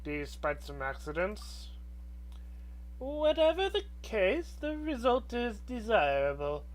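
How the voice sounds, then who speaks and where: Woman putting on an old hag voice, slow elder. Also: fairly high pitch, big pitch swings, low-quality recording. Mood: grave, knowing. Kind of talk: video game dialogue read aloud.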